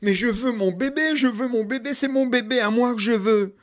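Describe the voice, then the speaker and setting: A woman's voice: a little high, moderate pace, voice pushed up, close to an everyday voice. A man voicing an exhausted, desperate young mother who pleads frantically over and over in a spoken tale. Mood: pleading.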